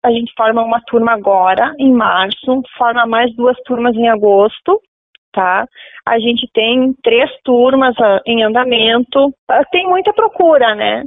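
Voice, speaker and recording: A woman's voice: a little high, unhurried, dry recording. Woman campus coordinator, phoned-in over a landline, tinny narrow sound, chatty explanatory tone. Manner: explanatory, ends points with "tá?", frequent fillers. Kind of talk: radio phone interview. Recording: tinny phone line on radio.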